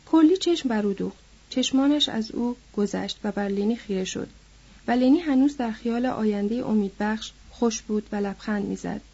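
A woman reading a novel aloud in a steady storytelling manner, on a dull lo-fi recording. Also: a little high, husky. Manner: steady storytelling, lifting her voice for quoted characters.

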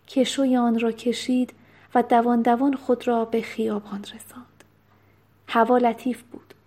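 Woman audiobook narrator, calm, measured, somewhat high voice. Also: husky. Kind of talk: scripted storybook narration.

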